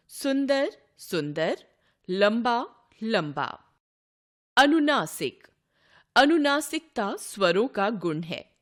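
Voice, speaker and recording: A woman teaching a grammar lesson, reading letters and example words one at a time with pauses. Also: medium pitch, fairly bright tone. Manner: reads lists of letters and words one by one, pausing. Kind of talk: slow, deliberate grammar lesson.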